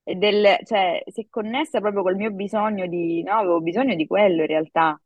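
A woman in her thirties, an actress and acting coach, telling a story in a lively podcast chat, full of fillers. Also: medium pitch, fairly quick, dry recording, highs cut off. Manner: animated storytelling with many fillers. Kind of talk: casual podcast conversation.

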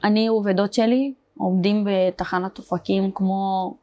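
A young woman from Israel, a border police fighter, telling her story in an interview, halting, with many fillers and restarts. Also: mid-range voice, fairly even intonation, dark tone. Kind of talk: personal testimony in an interview.

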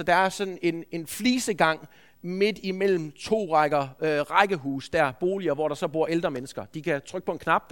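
A man preaching a sermon, telling a story in an earnest, anecdotal way with frequent restarts. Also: high voice. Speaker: preacher, school head.

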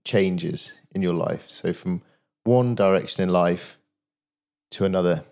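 A man interviewing a guest, asking thoughtful, measured questions. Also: deep voice, vocal fry, darkish tone. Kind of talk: reflective conversational interview.

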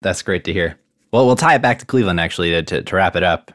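Male podcast host, notably low pitch, conversational interviewing. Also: quick pace, a bit bright, no echo.

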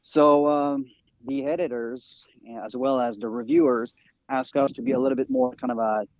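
A man with a French accent, a native French speaker, talking as an interview guest and author in a halting way with many fillers and restarts. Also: mid-range voice, fairly even intonation, darkish tone, no echo. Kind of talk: interview talk over a call. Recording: dry, dull lo-fi audio.

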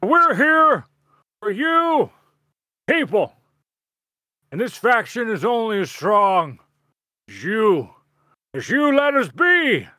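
Guy putting on a big jolly santa-ish wrestler, shouting a slow promo, way high and bright. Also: very animated, no room sound, clean studio sound, heavily acted. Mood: rousing.

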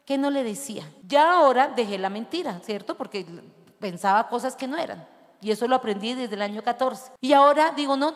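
Brief: middle-aged woman pastor, fairly high voice, preaching with questions, long church reverb. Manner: preaching with rhetorical questions to the congregation, slowing to read scripture. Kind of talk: sermon.

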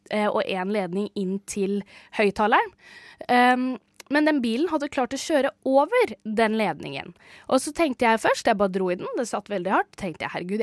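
A young woman from Norway with a fairly high voice rambles through an anecdote, full of fillers. The recording is close and dry. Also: no room sound. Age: young adult. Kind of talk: casual chat, storytelling.

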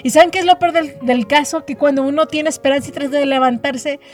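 A woman's voice: sits high, steady tone, fast talker, faint music behind. A middle-aged woman preaching a devotional sermon, earnest and emphatic, often repeating words as she builds a point.

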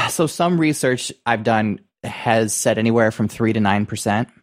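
Man in halting, casual business chat. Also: on the low side. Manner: halting, circling phrasing with repeated "you know" and "like". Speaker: podcast co-host.

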